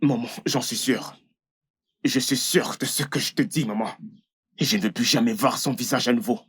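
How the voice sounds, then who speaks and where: A man's voice: mid-range voice, moderate pace, husky, lightly acted. A man dubbing a jealous, hot-tempered husband who talks in an accusing, insistent way. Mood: upset. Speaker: dubbing actor. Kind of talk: French film dub.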